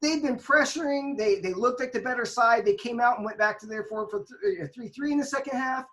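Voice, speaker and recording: High-voiced woman recapping a match. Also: fairly quick. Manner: animated play-by-play storytelling; frequent restarts and emphatic retelling. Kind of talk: casual soccer podcast chat.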